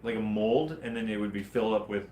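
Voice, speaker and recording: A man's voice: on the low side, quick pace, darkish tone, slight background noise. Casual bantering man in a roomy space. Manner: slangy, bantering. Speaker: podcast co-host. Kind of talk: casual chat. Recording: echoey room.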